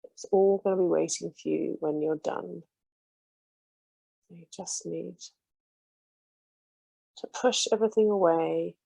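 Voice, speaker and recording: Here a woman's meditation guidance unfolds gently and slowly, her fairly low voice mellow and a bit breathy. The tone holds steady with hardly any rise or fall, and the sound is close and dry.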